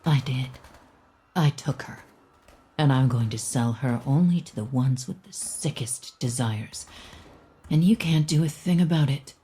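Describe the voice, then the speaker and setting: A woman voicing a cold, mocking female captor in an audiobook, speaking with quiet menace. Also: deep voice, expressive, normal speed, slight background noise. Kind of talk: audiobook character voice.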